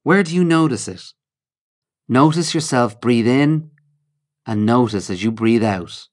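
This is a guided mindfulness meditation narrated by a man of medium pitch, who gives calm, measured instructions in brief phrases with pauses between them.

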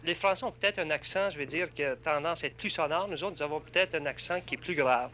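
A man with a fairly high voice speaks formally and carefully. Wind and street noise are clearly heard on this 1967 archival tape. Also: fast, pushed and bright, poor audio. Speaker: passer-by in a street interview. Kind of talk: formal street interview answer.

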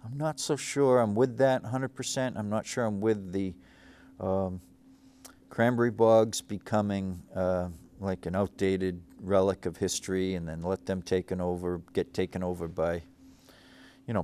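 Middle-aged cape cod guy, low voice, meandering and reflective, lots of ums, studio desk. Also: fairly even intonation, a little slow, darkish tone, a little hiss or hum. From Cape Cod, Massachusetts. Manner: meandering, reflective, many fillers and restarts. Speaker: local show host. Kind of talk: rambling local-history monologue. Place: small studio set, seated at a desk.

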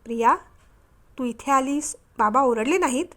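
A woman's voice: sits high, moderate pace, fairly bright tone. A woman voicing a remorseful divorced husband who talks in an eager, pleading way in a storybook reading.

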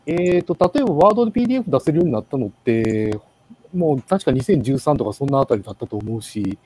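A man giving a casual presentation in an online meeting, with many pauses and fillers. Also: mid-range voice, sing-song, a little mellow, slightly rough, poor audio. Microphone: video call.

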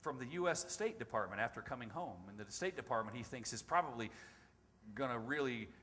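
Lively, bright-voiced male pastor in a reverberant church. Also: mid-range voice, a little fast. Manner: animated storyteller acting out the characters' lines. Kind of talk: sermon storytelling. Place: church sanctuary.

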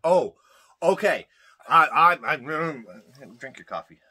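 An American man from the United States ranting through a casual movie review. His voice sits a little high and bright, and his pitch swings widely as he swears and rants. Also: slow, husky. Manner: ranting, profane, animated. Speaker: podcast co-host.

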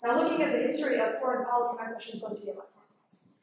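A woman's voice: on the high side, rapid-fire, background noise. A woman from Gaza asking a question from the floor in a large auditorium, earnest and direct. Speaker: audience questioner. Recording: very echoey hall, distant mic.

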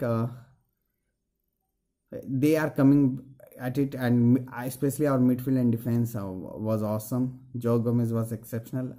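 A young man with an Indian English accent, giving an earnest, halting post-match analysis to camera from a small room, with many fillers and restarts. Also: medium pitch, dark tone. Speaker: football fan vlogger.

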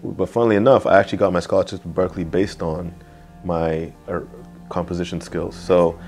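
A young man from Nigeria, a music producer, talking casually in an interview in a music studio, often saying "you know". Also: sits low. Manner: relaxed, fills pauses with "you know".

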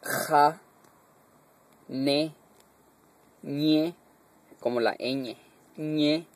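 A man teaching pronunciation, reciting single syllables one by one with short explanations. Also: a little high. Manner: slow, deliberate drilling of single sounds with short explanations. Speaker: language teacher.

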